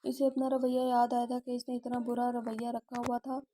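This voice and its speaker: A woman's voice: fairly high pitch, completely flat delivery, moderate pace, dark tone, slight background noise. A woman narrating an audio novel, reading every character in her own voice.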